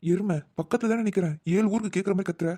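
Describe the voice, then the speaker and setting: A man's voice: sits high, quick pace, dark tone, no room sound, studio quality. A man voicing a flustered young brother in a cartoon, bickering with his sister and muttering panicky asides. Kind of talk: cartoon voice acting.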